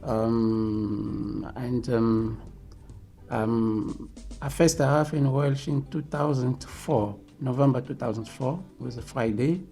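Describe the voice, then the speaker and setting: A man from the Democratic Republic of Congo, telling his own story in an interview, halting often with ums and restarts. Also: medium pitch, mellow, faint music behind. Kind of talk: recorded interview.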